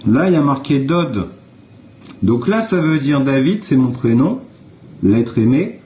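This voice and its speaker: With a medium-pitched, dark-toned voice that has a sing-song quality, a male host talks to his phone livestream audience at normal speed. He lays things out step by step, bluntly and informally, swearing and addressing viewers directly, over slight background noise.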